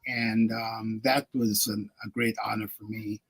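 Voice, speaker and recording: Speaking a little slowly in a low, level, breathy voice, an older man from Guyana tells stories as a guest on a radio talk show. The actor reflects as he goes, laughing often and using plenty of fillers.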